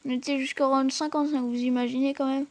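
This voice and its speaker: A woman's voice: high voice, level tone, quick pace, slight background noise. A woman hosting a gaming channel, chatting to viewers while she plays and stumbling over fillers and restarts. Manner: hesitant, full of fillers and restarts; chatty, addresses viewers directly. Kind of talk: gameplay commentary.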